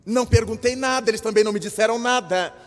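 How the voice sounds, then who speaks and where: An older man giving a spiritist lecture, telling a story with lively acted-out dialogue. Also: high voice, fast. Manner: lively storyteller, acts out voices in quotes. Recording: long hall reverb.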